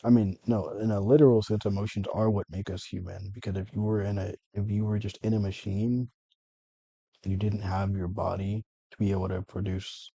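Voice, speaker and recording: A man's voice: fairly low pitch, level tone, brisk, creaky, warm tone, husky, dry recording. A man talking through his feelings in a meandering personal monologue, often correcting himself and swearing. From United States. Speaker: vlogger.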